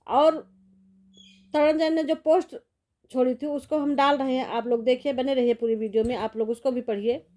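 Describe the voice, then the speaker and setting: Middle-aged woman, casual vlog commentary, high mellow voice, sympathetic rambling. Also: steady tone, moderate pace. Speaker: vlogger.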